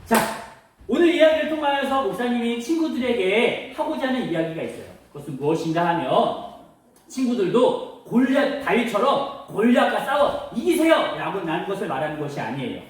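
A man preaching a children's sermon as a story, asking questions and adding sound effects. His voice is high and very lively. He sounds distant in a church room with heavy echo. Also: fairly quick. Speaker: children's pastor. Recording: very echoey room, voice from afar.

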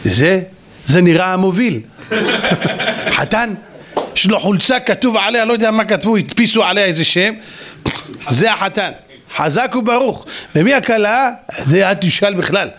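Male rabbi preacher: high-pitched, very animated, mocking, full of rhetorical questions. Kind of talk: sermon.

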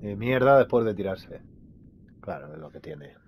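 A man's voice: lowish voice, lively intonation, normal speed, darkish tone, a little hiss or hum. A man with a Spain Spanish accent giving casual, crude, colloquial gameplay commentary. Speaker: gaming streamer.

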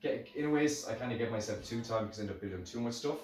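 A man's voice: mid-range voice, very fast. Irish guy doing a rambly pep talk, repeats himself, far from the mic in a really echoey room. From Ireland. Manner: rambling, repeats phrases for emphasis. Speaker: musical instrument maker sharing lessons learnt. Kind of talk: casual motivational talk to camera. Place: hard-surfaced workshop room, indoors. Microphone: camera a few metres away. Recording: very echoey room, distant microphone, music.

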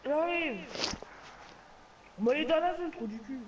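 Young gamer, high swoopy voice, teasing french street slang, bad chat mic. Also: expressive, unhurried, dull audio. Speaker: video game player. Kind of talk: casual gaming banter. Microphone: poor game-chat microphone. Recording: noisy poor voice-chat microphone, voices behind.

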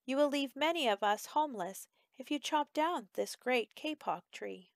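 A woman voicing a tiny male tree frog in a storybook reading, with a squeaky piping voice. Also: expressive, moderate pace, dry recording, studio quality. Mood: pleading.

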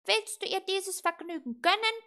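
A woman voicing a stern male raven who scolds his witch companion and croaks between his words in a storybook reading. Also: very high-pitched, moderate pace, bright, forceful tone, voice pushed up, heavily acted. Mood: scolding.

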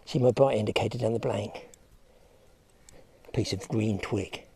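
A fishing vlogger talks straight to his viewers while fishing by a lake, giving casual outdoor commentary. His voice is lowish, a bit slow, creaky, dark and husky.

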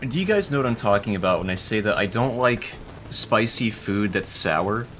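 A man's voice: on the low side, expressive, moderate pace, fairly bright tone, a little hiss or hum. A young man giving casual, dry and wry commentary over his own gameplay, laughing now and then. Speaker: gaming YouTuber.

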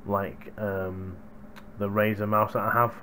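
A man's voice: on the low side, level tone, measured pace, bright, forceful tone, slight background noise. A young man chatting casually to viewers as a hardware reviewer, recorded on a gaming headset microphone. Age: young adult. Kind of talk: casual vlog chat to viewers. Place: small room at home, indoors. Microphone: headset boom microphone.

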